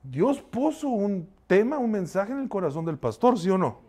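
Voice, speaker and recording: A man's voice: high voice, sing-song, normal speed, dark tone. Conversational man preaching to a congregation. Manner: conversational preaching, constantly addressing listeners and asking for responses; confessional, shares his own failings. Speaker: pastor. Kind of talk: sermon.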